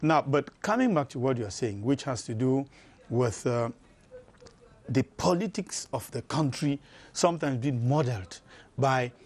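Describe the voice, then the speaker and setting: A man from Cameroon on a studio panel, reminiscing in quick bursts. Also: mid-range voice, expressive, darkish tone.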